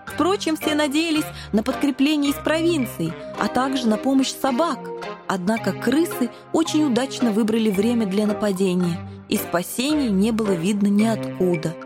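A woman reading a children's storybook aloud in an expressive way. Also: on the high side, normal speed. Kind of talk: storybook narration. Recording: narration over clear music.

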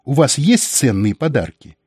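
A man voicing a boastful, greedy male captive who speaks in a firm, shrill voice in an audiobook. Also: very animated, moderate pace, darkish tone, slightly rough, no echo, clean studio sound. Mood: greedy, smug.

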